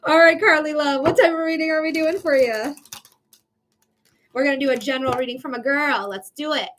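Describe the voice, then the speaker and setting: On a live psychic reading stream, a chatty, bubbly host with a Michigan accent laughs frequently while chatting casually with viewers. Her voice sits high with a fairly bright tone, she talks fairly quickly, and there's a little hiss or hum.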